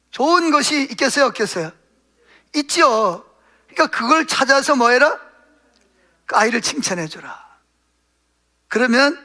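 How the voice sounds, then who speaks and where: With an extremely high pitch, this man preaches as a pastor, posing questions to his congregation and supplying the answers on his own. Quoted prayers are performed in a gentler, softer voice.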